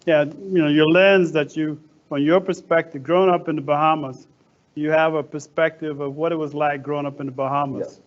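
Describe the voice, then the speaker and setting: A man from Virginia interviewing a guest on stage, speaking haltingly and restating the guest's points. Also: fairly high pitch, steady tone, highs cut off. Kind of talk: onstage interview.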